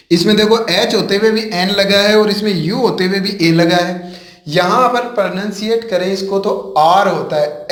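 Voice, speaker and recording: A man from India with a Rajasthani Hindi accent teaches an online grammar lesson in a fairly high voice. He explains step by step, often poses a question to the viewers and then answers it himself. The sound is roomy, as in an echoing classroom. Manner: often addresses viewers as friends.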